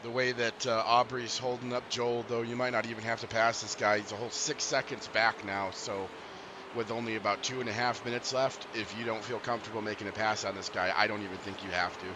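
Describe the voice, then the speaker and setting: A man's voice: on the low side, little pitch movement, brisk, background noise. A man talking as a crew chief, giving casual, encouraging race updates to his driver. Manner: encouraging, reassuring.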